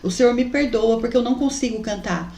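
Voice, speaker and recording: A woman's voice: fairly high pitch, quick pace, a little mellow. A woman giving an emotional faith testimony as a mother, fervently addressing listeners as brothers. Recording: roomy echoey recording.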